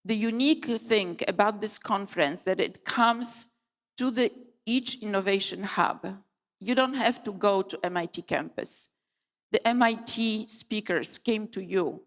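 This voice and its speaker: A middle-aged woman from Poland giving a formal opening speech at a conference, measured and emphatic with deliberate pauses. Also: mid-range voice. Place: large conference hall. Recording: long hall reverb.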